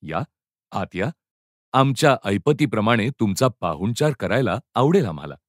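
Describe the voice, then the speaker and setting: A man voicing a serene, welcoming Buddhist monk who speaks softly and courteously in a storybook reading. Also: lowish voice, normal speed, dry recording, clean studio sound. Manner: soft, calm, courteous.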